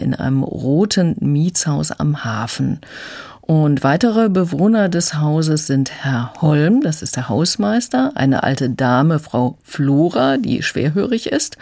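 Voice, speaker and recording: A woman critic calmly retelling and explaining children's books on the radio. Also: low voice. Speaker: book critic guest. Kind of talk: radio book review.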